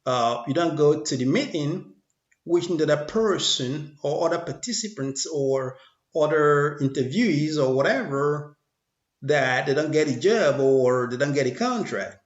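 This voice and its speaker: Male motivational speaker, fairly high voice, preachy and rambling, roomy lo-fi recording. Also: animated, measured pace. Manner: rambling, repeats phrases, preachy. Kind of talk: motivational monologue. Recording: echoey room, dull lo-fi sound.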